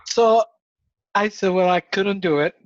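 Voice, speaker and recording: A man from Ecuador whose first language is Spanish tells his story at an easy pace, pausing on fillers and laughing freely. His voice sits fairly high for a man. The sound is dry and a bit dull. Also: no room sound. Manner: relaxed, many fillers, laughs easily. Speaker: guest. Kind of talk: casual storytelling interview.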